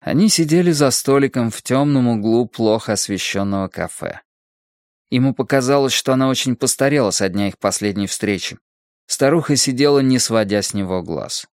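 A man's voice: medium pitch, lively intonation, dry recording. Dry close male audiobook narrator. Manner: measured, dramatic reading. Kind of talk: scripted narration.

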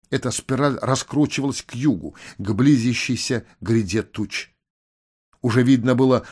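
A man's voice: mid-range voice, a little mellow. Man reading a fantasy audiobook. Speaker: audiobook narrator. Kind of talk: audiobook narration.

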